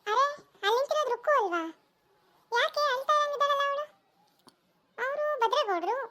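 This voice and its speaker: A woman's voice: very high voice, animated, a little fast, sharp tone, heavily acted. A woman voicing a curious village busybody in a cartoon, muttering nosily to herself. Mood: nosy.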